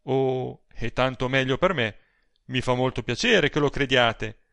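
A male reader voicing an aging gallant gentleman in an audiobook, ironic and emphatic. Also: mid-range voice, unhurried, vocal fry, dry recording.

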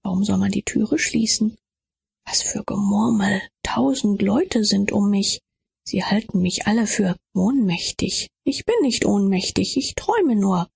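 A woman's voice: medium pitch, measured pace, gravelly, darkish tone, breathy edge. A woman reading an audiobook as an intense first-person inner monologue, with whispered asides. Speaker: audiobook reader.

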